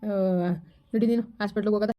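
A forgiving village husband, played by a woman, soothes his wife. He talks very fast in a flat, mellow, slightly high voice. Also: lightly acted. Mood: consoling. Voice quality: coaxing, reassuring. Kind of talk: village family drama acting.

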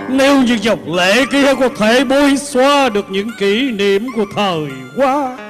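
A man playing old Điệp singing high and slow. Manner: slow, drawn-out sung verses. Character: old man Điệp, a remorseful former lover. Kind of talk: comic cải lương singing and speech. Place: outdoor live stage. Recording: live stage mic over loud guitar.

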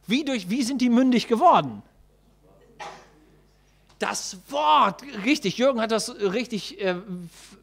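A man preaching a sermon, emphatic, repeating key phrases and asking the congregation questions, slowing down to stress words. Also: very high voice, fairly bright tone.

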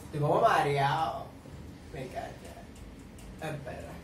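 A man's voice: on the high side, measured pace, noisy background. A man giving dramatic, shrieky reaction commentary, constantly addressing his viewers by a pet name. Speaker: series reaction vlogger. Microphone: camera mic at a distance. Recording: echoey room, distant mic.

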